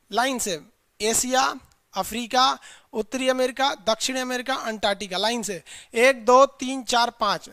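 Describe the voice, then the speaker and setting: A man's voice: very high-pitched, bright, forceful tone, dry recording, clean studio sound. A man teaching a live online class in a colloquial, chiding way, drilling his students with repeated call-and-response lists.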